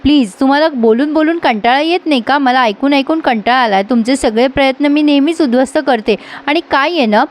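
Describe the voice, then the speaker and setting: A defiant young girl who refuses to back down, as a woman narrator reads her part. She speaks firmly in a bright, high voice. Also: fairly quick, few pauses, close to an everyday voice. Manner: defiant, firm. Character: determined girl, defiant and self-assured.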